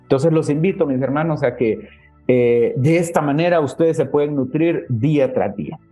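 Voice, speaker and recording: A man's voice: fairly high pitch, moderate pace. Man, church teacher, chatty, faint music underneath. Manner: warm conversational, addresses listeners as brothers. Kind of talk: casual teaching talk. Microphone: webcam.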